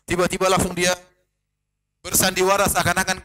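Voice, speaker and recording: A man giving a religious lecture as a preacher, telling stories lively, quoting Arabic and joking with the audience. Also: high-pitched, a little fast. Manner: lively storytelling, quotes Arabic, jokes with audience.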